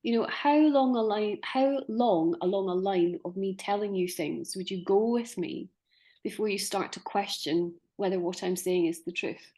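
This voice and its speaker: This is a podcast host, a woman in her forties, leading a conversational discussion. Her mellow voice is medium in pitch and moves at a normal speed, and she sounds musing and hesitant as she asks her questions.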